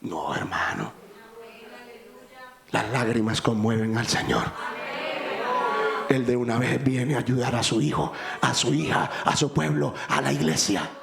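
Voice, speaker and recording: A man preaching a sermon as pastor, impassioned and rising to shouts. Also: mid-range voice, normal speed, gravelly, reverberant, crowd noise.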